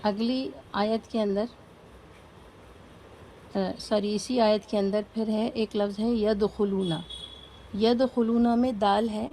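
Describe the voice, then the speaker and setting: A woman teaches a recitation class with a patient, step-by-step manner. Her voice is warm and mellow, at an ordinary middle pitch. Now and then she stops to ask her students questions. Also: fairly even intonation, pauses often, a little hiss or hum. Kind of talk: explaining lesson to a class.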